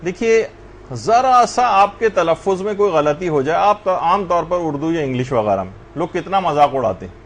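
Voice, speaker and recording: A man with a slightly high, animated voice teaches a religious class, lecturing earnestly and speaking directly to his students. There is slight background noise.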